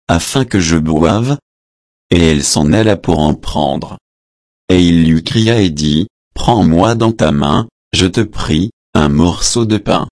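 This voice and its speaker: A man with a very deep voice reads scripture slowly and evenly, stopping now and then to add footnotes in a lower, quieter aside. The sound is close and dry. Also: no echo. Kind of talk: Bible reading with spoken footnotes.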